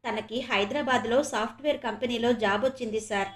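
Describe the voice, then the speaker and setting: A soft-spoken, humble caretaker mother in a storybook audio novel, played by a woman narrator. Her tone stays gentle and tender, a touch high in pitch. The speech is devoted and modest. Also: fairly even intonation, brisk, close to an everyday voice.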